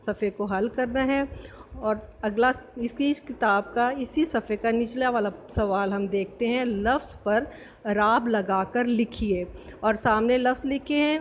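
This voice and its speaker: A woman teaching a primary school language lesson, spelling words slowly sound by sound and quizzing her pupils. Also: on the high side, slight background noise. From Pakistan. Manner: slow, syllable-by-syllable spelling with quiz questions. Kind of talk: recorded classroom lesson.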